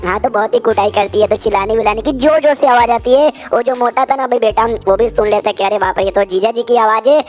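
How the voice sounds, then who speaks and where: A woman's voice: a little high, quick pace, hardly any pauses, darkish tone, soft background music. A woman narrating a comic story recap in a chatty, slangy way with jokey asides.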